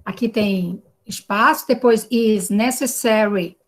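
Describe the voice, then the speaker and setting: A woman with a medium-pitched voice speaks slowly as she teaches English online over a video call. Her accent is Brazilian Portuguese, and she explains patiently, frequently checking in with tag questions.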